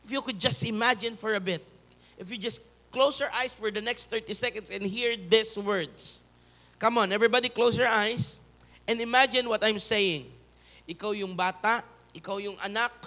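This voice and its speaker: A male pastor with a Filipino accent preaching a sermon, moving between loud emphatic peaks and soft, low pleading.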